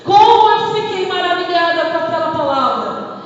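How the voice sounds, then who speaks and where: High-voiced woman pastor preaching in a hall. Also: lively intonation, normal speed. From Brazil. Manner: chanting sing-song preaching, building to fervent shouts. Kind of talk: sermon. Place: large church hall. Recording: echoey church hall from far off, dull.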